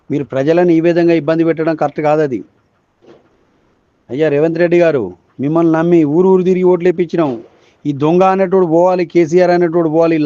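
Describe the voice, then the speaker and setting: A man's voice: fairly high pitch, mellow, no room sound. A man with a Telangana accent delivering an indignant, accusatory political rant as an ordinary citizen in a voice message, firing off rhetorical questions. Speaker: disgruntled citizen. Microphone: phone voice recording. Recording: muffled lo-fi phone voice message.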